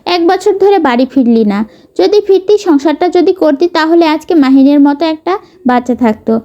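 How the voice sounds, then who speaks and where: A woman's voice: high voice, animated, normal speed, dark tone, muffled recording. A woman voicing a stern, sulking middle-aged mother who scolds sharply. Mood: scolding.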